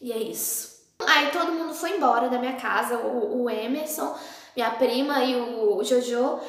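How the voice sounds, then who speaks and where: High, gravelly-voiced young woman in an echoey room. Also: moderate pace. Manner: chatty and animated, acting out the people in her story. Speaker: vlogger. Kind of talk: casual storytelling to camera.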